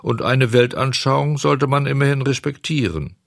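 A man voicing a calm, philosophical male dolphin with a hoarse voice. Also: mid-range voice, normal speed, dry recording, studio quality, voice pushed up.

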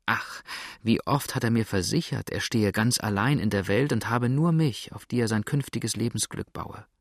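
Man reading a fearful young widow in a storybook, hushed anxious voice, a touch raised above his low, gravelly tone, dry close sound. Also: normal speed, no room sound. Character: frightened grieving young widowed woman.

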